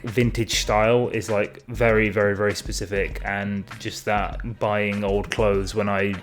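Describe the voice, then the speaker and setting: A man chatting casually to camera as a fashion vlogger, self-mocking and sweary, often trailing off and restarting his sentences. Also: on the low side. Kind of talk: casual rambling chat to camera.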